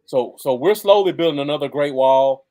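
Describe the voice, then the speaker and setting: A man's voice: fairly high pitch, normal speed, dark tone. An American man chatting casually as co-host of a live football fan show. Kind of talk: casual live sports chat.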